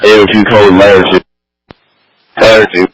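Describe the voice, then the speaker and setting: A man's voice: lowish voice, little pitch movement, moderate pace, no echo, poor audio. A man speaking as a firefighter incident commander in urgent, clipped commands over fire department radio. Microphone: two-way radio.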